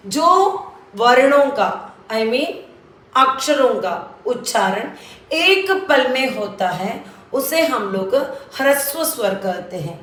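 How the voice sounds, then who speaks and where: A woman's voice: a little high, a bit bright, echoey room. A woman from South India with a South Indian accent, teaching children a Hindi grammar lesson patiently, repeating and drilling sounds and mixing in English words.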